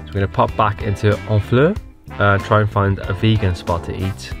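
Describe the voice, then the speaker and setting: A man's voice: fairly low pitch, steady tone, moderate pace, over music. A British man vlogging casually outdoors in a small town, laid-back and often laughing. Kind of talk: casual travel vlog chat.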